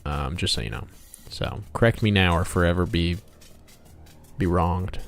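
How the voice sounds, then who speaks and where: A man with a low, fry-tinged voice hosts a casual game developer livestream at a moderate pace while soft music plays. He rambles playfully as he draws, talking to himself and viewers and reading out their comments.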